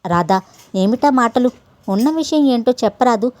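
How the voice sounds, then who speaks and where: A woman's voice: on the high side, animated, moderate pace, darkish tone, dry recording, lightly acted. A woman voicing a young husband, a busy doctor, who answers his wife in an exasperated, defensive way, read in an audio story.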